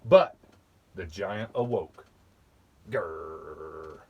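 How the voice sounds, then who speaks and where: A man reading a children's picture book aloud, slowly and patiently, pausing to point out the pictures. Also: medium pitch, expressive, slight background noise. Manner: slow, patient, with asides about the pictures. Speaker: storybook reader.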